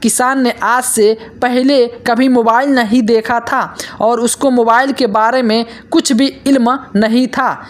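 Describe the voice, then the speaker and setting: Woman narrating a folk tale, fairly high. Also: measured pace. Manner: steady, plain reading with quoted dialogue read in. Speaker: storyteller. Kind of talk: scripted story narration.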